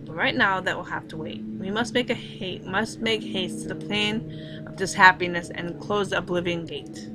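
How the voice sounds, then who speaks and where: A woman's voice: lowish voice, moderate pace, noisy background, natural voice. A woman voicing a cute little creature who speaks as a grave, portentous ancient demon lord, read from a visual novel. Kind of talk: reading a visual novel aloud.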